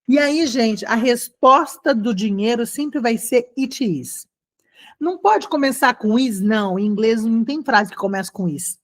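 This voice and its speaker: Middle-aged woman, English teacher, chatty and encouraging, slightly high voice, slows right down for example phrases. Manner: chatty, encouraging, drawn-out slow model phrases. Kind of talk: casual online English lesson.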